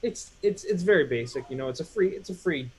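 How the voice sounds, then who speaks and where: This host's voice sits on the high side: expressive, fairly quick, a little mellow and husky. In a relaxed live chat he coaches a guest through music production, offering advice with plenty of filler words.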